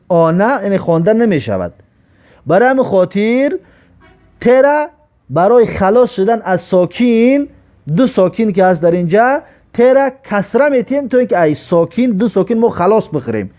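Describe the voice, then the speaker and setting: A man teaching an Arabic grammar lesson. He explains step by step, asks and answers his own questions, and reads the example sentences slowly. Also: high-pitched, darkish tone.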